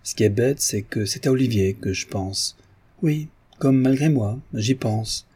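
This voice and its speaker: A man's voice: mid-range voice, a little slow, mellow, slightly rough. A man voicing a playful, chatty young woman. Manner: teasing, flighty chatter.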